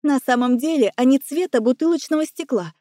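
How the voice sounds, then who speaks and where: A woman narrating a first-person audiobook with expressive, emotional storytelling. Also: high voice, brisk, no room sound, studio quality.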